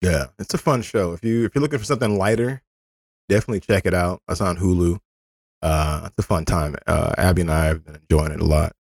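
Low-voiced man hosting a loose chat. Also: quick pace, gravelly, a little mellow, breathy edge, no echo, clean studio sound. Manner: loose, profane, laughs a lot. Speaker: podcast host. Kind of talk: casual chat.

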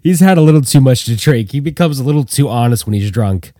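A man voicing a friendly, confident male bomber crewman giving brisk, matter-of-fact advice. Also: medium pitch, animated, mellow, no echo, clean studio sound, voice pushed up, lightly acted. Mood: easygoing.

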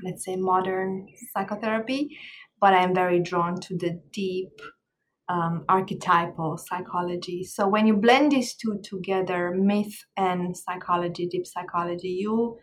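A woman in her forties speaks as a podcast guest. She explains her work thoughtfully, often pausing and restarting to find the right words. Faint background noise runs beneath her voice. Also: lowish voice, steady tone. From Romania. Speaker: guest, psychologist and astrologer. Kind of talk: interview answers.

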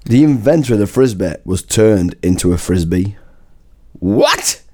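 A man's voice: lowish voice, lively intonation, a little slow, warm tone. A man co-hosting a podcast in crude, casual banter, reading list items aloud and laughing often. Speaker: podcast co-host.

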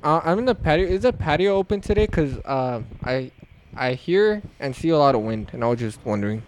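A man's voice: fairly high pitch, expressive, fairly quick, slight background noise. A young man on a podcast chatting casually in a slangy, crude, joking way. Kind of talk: casual chat.

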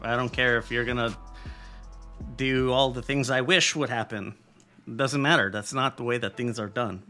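A man's voice: mid-range voice, steady tone, normal speed, bright, forceful tone, faint music behind. An American man hosting a podcast, giving casual, rambling news commentary in a blunt, profane way with lots of fillers. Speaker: podcast host.

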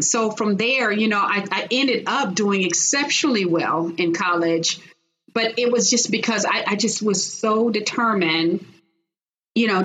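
A woman's voice: medium pitch, a little hiss or hum. Earnest woman telling her life story. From Chicago, US. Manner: animated, earnest storytelling with restarts. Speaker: guest. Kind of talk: personal storytelling interview.

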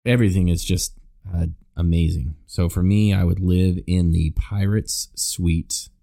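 A man co-hosting a podcast in animated, jokey casual chat. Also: low voice, a little slow, creaky. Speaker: podcast co-host.

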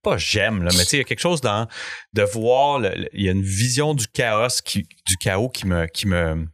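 A man with a Québécois French accent hosts a casual chat, often stammering and restarting as he hunts for words. His voice is fairly low and fairly bright, with lively intonation at a moderate pace, recorded dry at studio quality.

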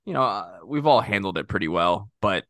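A young man from Texas co-hosts a podcast in a lowish, fairly bright voice that is animated and brisk. His casual talk rambles, interrupts itself, and includes jokes, and the recording is dry.

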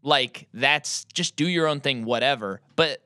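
A podcast co-host with a medium-pitched, sharp-toned male voice trades opinionated movie takes in casual chat, often joking about his own hot takes. The recording is dry.

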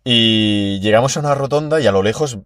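Young man, Spanish accent, casual podcast chat, storyteller, mid-pitched, dry sound. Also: brisk, dry recording. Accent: Spain. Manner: animated storyteller, laughs often, slangy. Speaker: podcast co-host.

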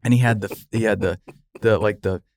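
A man hosting a casual interview, telling job-site stories in a joking, animated way. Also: fairly low pitch, fairly quick. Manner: animated, joking, acts out quotes. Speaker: podcast host.

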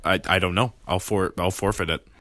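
Deep-voiced man, hesitant quiz player. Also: fairly even intonation, brisk, no room sound. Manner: hesitant, thinks out loud. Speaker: trivia contestant. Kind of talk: casual quiz banter.

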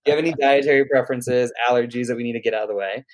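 A man's voice: medium pitch, racing. Man, private chef, casual chat, enthusiastic, loose and rambling. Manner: relaxed, rambling, enthusiastic about food. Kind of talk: casual conversation.

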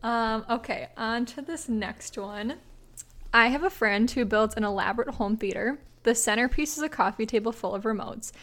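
A woman's voice: fairly high pitch, moderate pace, a bit bright. A woman co-hosting a casual podcast, reading listener stories aloud in an easygoing, chatty way and laughing often. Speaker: podcast co-host.

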